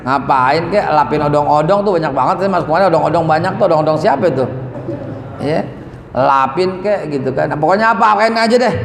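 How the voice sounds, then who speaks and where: A man's voice: fairly high pitch, fast talker, vocal fry. A man preaching a mosque sermon, emphatic and slangy, his voice rising as he presses a point. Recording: echoey hall reverb.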